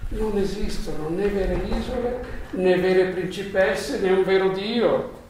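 A man voicing a calm, knowing king in a storybook read aloud, in a steady voice close to his own. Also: high-pitched, a little slow, slight background noise, voice pushed up. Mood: unmoved. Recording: echoey room, voice far from mic.

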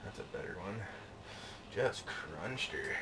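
A man in his thirties giving casual, excited running commentary to himself and the fish while ice fishing inside a tent. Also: low-pitched, slow. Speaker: fishing video host. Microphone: camera mounted across the tent. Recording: gravelly voice picked up from a distance, noisy.

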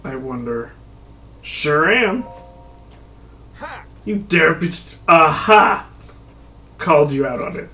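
Slow-talking, self-mocking male game streamer. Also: on the high side, faint music behind. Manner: self-mocking, swears, sudden excited exclamations. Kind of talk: casual let's-play commentary.

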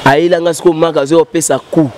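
A man's voice: a little high, fairly even intonation, a little mellow, a little hiss or hum. A man in his thirties telling rambling stories in an interview, switching between French and Lingala, speaking into a handheld mic outdoors. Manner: gestures broadly, mixes French and Lingala in fast rambling recollection. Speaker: interviewed musician. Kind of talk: animated storytelling interview. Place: outdoor studio set with painted backdrop. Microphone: handheld mic held by interviewer.

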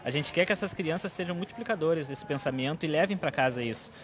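A man's voice: a little high, animated, fast talker. A young man, a municipal guard giving spontaneous interview answers into a handheld microphone outdoors. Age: young adult. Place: outdoors in a school courtyard. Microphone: handheld reporter microphone. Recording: busy outdoor schoolyard chatter behind.

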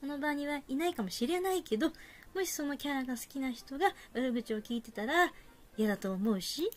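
A woman voicing a gentle teenage student council president who chides a classmate hesitantly. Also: high-pitched, expressive, fairly quick. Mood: gently chiding. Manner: hesitant, politely chiding. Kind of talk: reading game dialogue aloud.

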